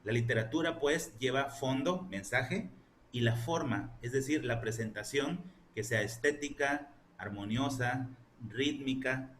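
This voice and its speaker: A man's voice: mid-range voice, unhurried, a bit bright, slight background noise. A man teaching a literature class online, explaining step by step and asking his students rhetorical questions.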